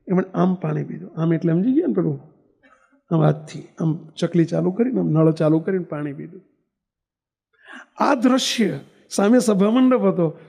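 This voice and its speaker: Male monk, storytelling sermon, high gravelly voice, mellow tone, acts out quoted lines. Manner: asks the audience questions, acts out quoted dialogue.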